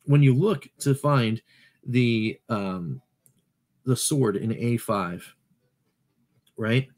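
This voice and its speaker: A man hosting a retro game channel, talking casually over his gameplay, rambling and correcting himself with playful asides. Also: mid-range voice.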